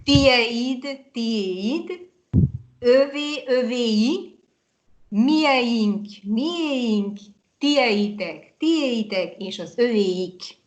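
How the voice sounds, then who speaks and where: A woman's voice: fairly high pitch, expressive, extremely slow. A woman teaching Hungarian over a video call, patiently spelling words out letter by letter and correcting her student.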